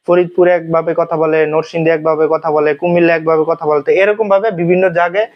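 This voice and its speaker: Man, high voice, teaching a lesson, repeats points, asks and answers himself, muffled lo-fi sound. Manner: repetitive, asks and answers own questions, many fillers. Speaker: Japanese language teacher. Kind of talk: classroom lesson explanation. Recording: dull lo-fi sound.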